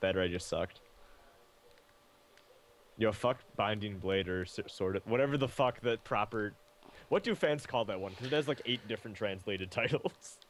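A man's voice: fairly low pitch, moderate pace, slight background noise. A young man in casual chat on a game stream, rambling and swearing often. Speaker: guest co-streamer.

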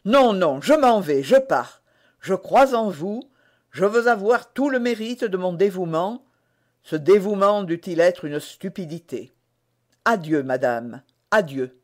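A man's voice: sits high, expressive, measured pace, voice pushed up. A man with a French accent voicing an eager, lovesick young swordsman in an audiobook. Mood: ardent. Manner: eager, earnest. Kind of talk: audiobook reading.

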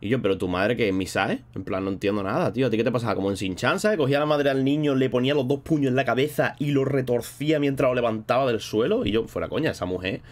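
A man's voice: mid-range voice, fast talker, few pauses. A man streaming live, chatting casually and rambling in a slangy way while thanking viewers between thoughts. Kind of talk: casual livestream chat.

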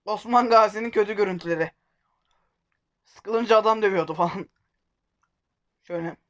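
High-voiced man rambling through a let's-play. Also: normal speed, fairly bright tone, highs cut off. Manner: rambling, self-correcting, joking. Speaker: gaming video host. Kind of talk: casual let's-play commentary.

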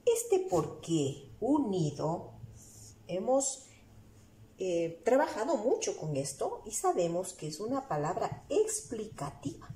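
A woman teacher with an Ecuadorian Spanish accent explains a lesson slowly, step by step, asking her students rhetorical questions as she writes on the board. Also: mid-range voice, very animated, mellow. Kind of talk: recorded class lesson. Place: room with a whiteboard. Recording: echoey room.

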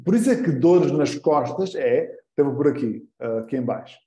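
A man teaching English phrases in an online lesson, repeating each phrase slowly for practice. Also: medium pitch, lively intonation, mellow, reverberant.

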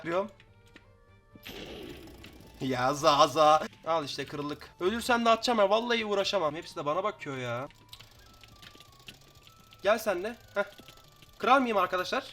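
Excitable teenage boy, high bright voice. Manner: excitable, swears and shouts at opponents. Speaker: gaming YouTuber. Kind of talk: casual gameplay commentary.

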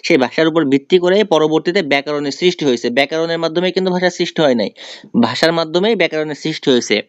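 Fast-talking young male tutor. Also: fairly high pitch, dry recording. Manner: explains step by step, often repeating key answers. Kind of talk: exam-prep lesson. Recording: dry, slightly dull sound.

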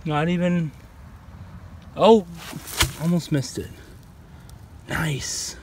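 A man's voice: on the high side, drawn-out words, darkish tone. A young man narrating a wildlife vlog in the field, talking casually and enthusiastically into a handheld phone. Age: young adult. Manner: informal, enthusiastic, addresses animals as buddy. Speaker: wildlife vlogger. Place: outdoors in woods and by ponds. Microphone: handheld phone at arm's length. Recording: outdoor handheld recording with background noise.

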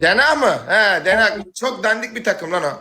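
A man hosting a livestream, teasing his guest and breaking into loud shouting. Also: high voice, expressive, normal speed. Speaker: livestream host. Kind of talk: rowdy livestream banter.

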